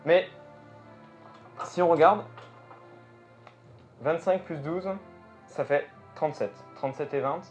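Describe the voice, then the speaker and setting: A man's voice: on the high side, slow, pauses often. A man performing live magic show patter, thinking aloud and addressing the audience. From France. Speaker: stage magician. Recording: dull lo-fi show recording with music. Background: music.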